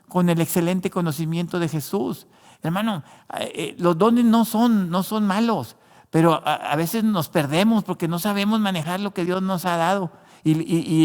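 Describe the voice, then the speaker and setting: A pastor whose first language isn't Spanish preaches a sermon in it, calling listeners "hermano" and frequently restarting amid many fillers. His voice is a little high, with a long reverb tail.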